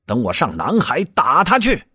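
A man voicing a brash, quick-tempered male monkey disciple in a storybook reading, breaking into shrill yelps when pained. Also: wildly swooping pitch, bright, forceful tone, slightly rough, no echo, studio quality, full character voice.

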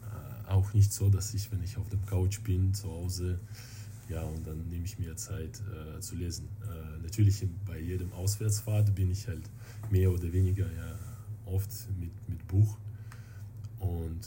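A guest in a casual interview, this native Russian speaker talks in German with a Russian accent, halting as he hunts for words. His voice sits low with fairly even intonation, and there's background noise.

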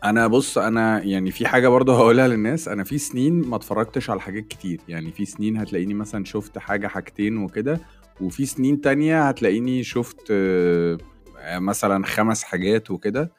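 A man's voice: fairly low pitch, fast talker, faint music behind. A man with an Egyptian Arabic accent, chatting casually as a podcast co-host and mixing in English phrases. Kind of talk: casual chat between friends.

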